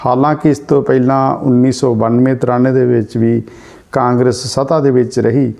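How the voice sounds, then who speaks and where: A man with a Punjabi accent presenting a news commentary in a measured way, rephrasing his points with several near-synonyms. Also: mid-range voice, gravelly, dark tone.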